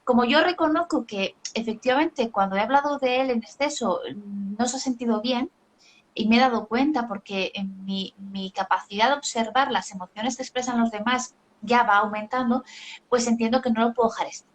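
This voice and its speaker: A middle-aged woman who writes about parenting explains her ideas in a live video chat, teaching through everyday examples and acted-out quotes. Her voice is on the high side and a little fast, and the sound is typical of a video call.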